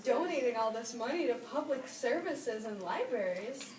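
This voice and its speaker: A woman's voice: on the high side, expressive, moderate pace, darkish tone, slight background noise, lightly acted. A woman playing an indignant, argumentative challenger who presses accusations in an amateur skit. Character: indignant female challenger confronting the powerful. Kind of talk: amateur student debate skit. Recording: echoey distant room recording with crowd chatter.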